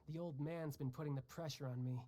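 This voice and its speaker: In video game dialogue over game music, an actor plays a cocky young male warrior who teases in a breezy, joking manner and laughs often. His voice is on the high side and natural, with a warm tone, fairly even intonation and a brisk pace.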